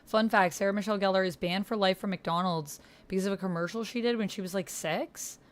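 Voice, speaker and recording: A woman hosts a roleplay livestream, chatting casually, reading typed posts out loud, and muttering to herself while keys clatter in the background. Her voice is medium-pitched and fairly quick.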